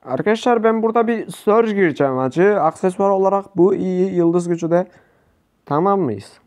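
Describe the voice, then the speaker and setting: A man's voice: sits high, normal speed. A young man commentating his own gameplay for viewers, frustrated and swearing often at other players. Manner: frustrated, swears a lot, shouts at opponents. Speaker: gaming YouTuber.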